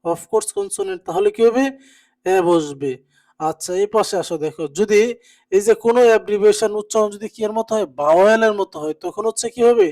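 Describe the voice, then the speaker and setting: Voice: medium pitch, very animated, a little fast, a little mellow. Teacher quizzing through a grammar lecture. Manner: asks rhetorical questions and answers them, frequent check-ins. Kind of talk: exam-prep grammar lecture.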